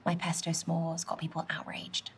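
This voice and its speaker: A young British woman acting a playful, teasing date in a video game, with quick whispered asides. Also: sits low, completely flat delivery, a little hiss or hum, lightly acted.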